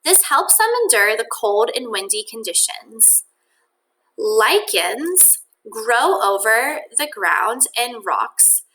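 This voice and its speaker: A female teacher with a fairly high voice reads a children's nonfiction text expressively and deliberately, stopping to think aloud for the children. It's a low-quality recording with slight background noise.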